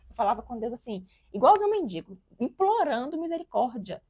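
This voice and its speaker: Husky-voiced Brazilian woman, heartfelt. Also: a little high, very animated, brisk, a little mellow, no room sound. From interior of Minas Gerais, Brazil. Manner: heartfelt, reenacts her own past words. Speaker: guest entrepreneur and mother. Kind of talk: emotional personal testimony.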